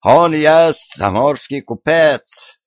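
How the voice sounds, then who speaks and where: A narrator putting on a German-accented foreign merchant, broken grammar, slow and lively, dull dry sound. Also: male voice, fairly high pitch, dry recording, voice pushed up. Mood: eager. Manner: mangled grammar, comic foreign lilt.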